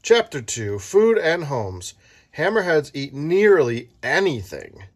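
Slowly and with big pitch swings, a man with a higher voice reads a children's book to a child, filmed from above at an indoor table. As parent and host, he keeps it playful and casual, explaining things simply.

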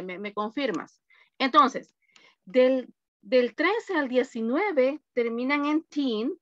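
A woman teaching an English class over a video call, slowly and patiently drilling lists of numbers. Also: fairly high pitch, fairly bright tone, no room sound. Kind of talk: online class lesson. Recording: dull, lo-fi video call audio.

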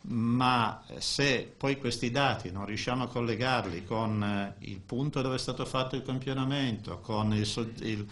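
A man in his sixties gives a technical talk at a conference, speaking into a desk microphone, halting with many restarts and fillers. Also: medium pitch, fairly bright tone. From Italy. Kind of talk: technical presentation. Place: conference room, indoors.

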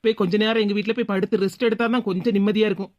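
A woman's voice: mid-range voice, fairly even intonation, racing, darkish tone, close to an everyday voice. A woman doing a weary, aching village woman. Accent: Tirunelveli Tamil. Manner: tired, complaining.

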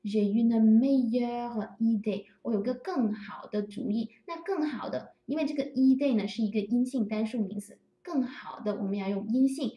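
Woman, language teacher, native Chinese speaker, patient explanations, high mellow voice, distant roomy sound. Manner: patient, repeats and spells out example phrases slowly. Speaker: French teacher. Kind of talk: explaining grammar to learners. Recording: roomy echo, distant from the mic.

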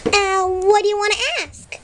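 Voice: very high voice, measured pace, fairly bright tone, a little hiss or hum. A girl voicing a hyper, bubbly female cartoon pony who sings and squeals. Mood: giddy. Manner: sing-song, squealing.

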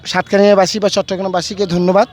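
A man with a high voice speaks quickly in an earnest post-match interview. His wording is formal and sprinkled with English words. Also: flat delivery, darkish tone. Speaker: veterans football club player.

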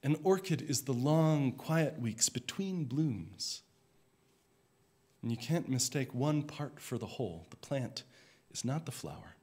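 A man who is a minister, giving a sermon in a reflective, measured way, his voice dropping softly at the ends of phrases. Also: mid-range voice, lively intonation, husky. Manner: slow, reflective, measured delivery.

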